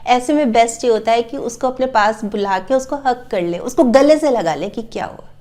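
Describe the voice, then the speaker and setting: A middle-aged woman hosts parenting advice, speaking earnestly and casually to the camera at a moderate pace in a somewhat high, slightly mellow voice. She repeats her main points and acts out parents scolding their kids.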